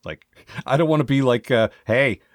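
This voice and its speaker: A man's voice: low-pitched, lively intonation, fairly quick, no echo, studio quality. A man co-hosting a podcast, rambling and hesitant in casual chat. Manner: rambling, hesitant, many fillers. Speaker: podcast co-host.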